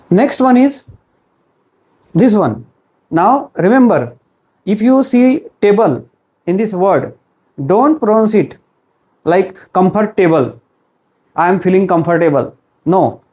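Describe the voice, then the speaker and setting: Slow-talking Indian male English teacher. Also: sits high, warm tone. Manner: switches between Hindi and English, quizzing viewers; slow, deliberate delivery. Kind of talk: classroom-style pronunciation lesson.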